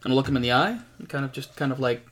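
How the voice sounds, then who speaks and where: A man's voice: medium pitch, fast talker, a bit bright, slight background noise. A man playing a tabletop game, curious and rambling, often trailing off. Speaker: player. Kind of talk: casual tabletop play.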